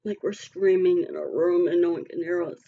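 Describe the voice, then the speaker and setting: A woman's voice: lowish voice, steady tone, a little fast, narrow, tinny audio. A middle-aged woman talking earnestly and emotionally to her online community in a casual, rambling vlog. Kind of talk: casual heartfelt vlog talk.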